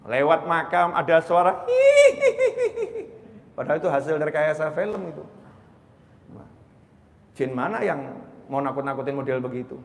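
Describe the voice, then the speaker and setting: A male preacher giving a sermon, asking rhetorical questions and swinging between loud emphasis and hushed asides. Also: a little high, brisk, vocal fry, long pauses. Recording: long hall reverb.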